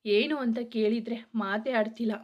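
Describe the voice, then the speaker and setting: Casting: ಮಹಿಳೆ ಮಾಡುವ ತರಾಟೆಗೆ ತೆಗೆದುಕೊಳ್ಳುವ ಯುವತಿ, ಲೋ-ಫೈ ಧ್ವನಿ. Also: female voice, a little high, fairly even intonation, moderate pace, natural voice. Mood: scolding. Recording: dull lo-fi audio.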